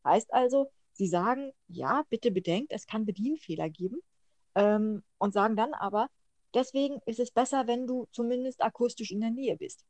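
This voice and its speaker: A woman's voice: on the high side, normal speed, a little mellow, no echo. A woman from the northern German coast co-hosting a podcast, chatty and full of hesitant fillers. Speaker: podcast co-host. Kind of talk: casual podcast discussion.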